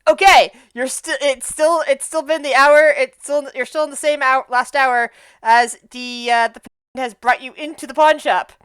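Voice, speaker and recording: High-voiced woman running a tabletop game. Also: fairly even intonation, fairly bright tone, dry recording. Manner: halting, repeats words as she improvises. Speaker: game master. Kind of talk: improvised tabletop game narration.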